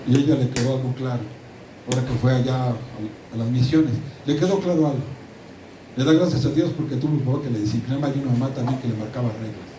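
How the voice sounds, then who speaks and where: Fast and emphatic, a middle-aged pastor with a Mexican accent preaches in a mid-range voice, repeating words and starting over. He is recorded from a distance in an echoing room, with audible ambience and background noise.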